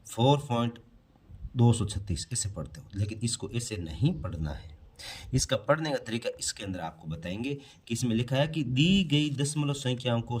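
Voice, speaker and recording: Speaking in a husky, mid-range voice, this male math teacher explains an elementary-school math lesson at the board. He goes step by step, raising questions and then answering them himself, just as he would in a classroom.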